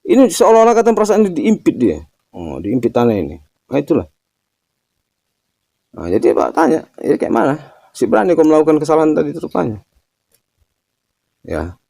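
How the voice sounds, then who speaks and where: An older man talks through a spiritual lesson in a relaxed storytelling way, tagging his phrases as he goes. His pitch moves a lot, and the tone is mellow and dark. The sound is dry and close. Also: no echo. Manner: storytelling, ends phrases with "kan gitu". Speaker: religious teacher answering a question. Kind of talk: casual spiritual talk.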